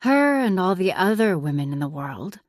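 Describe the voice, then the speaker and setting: A woman narrating an audiobook in an expressive, emotive reading style. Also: on the low side, normal speed, no echo, clean studio sound.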